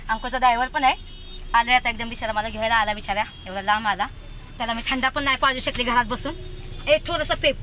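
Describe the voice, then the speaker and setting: A woman's voice: a little high, fairly quick, long pauses, bright, forceful tone. A woman chatting with her viewers and the friend filming her as she travels by car to a bus depot. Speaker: vlogger. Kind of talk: casual travel vlog. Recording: noisy phone video from a car and a depot. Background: traffic and street noise.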